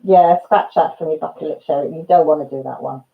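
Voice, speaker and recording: A deep, creaky voice with fairly even intonation comes fast from a Welsh channel host in her fifties, heard on narrow, tinny audio. She tells stories with laughter and chats casually with viewers by name.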